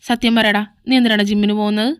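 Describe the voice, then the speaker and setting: A woman's voice: medium pitch, flat delivery, fast talker, clear, resonant tone, no room sound, clean studio sound, close to an everyday voice. A woman voicing a bossy, teasing young elder brother in a fan fiction audio story, talking in a sarcastic, nagging way.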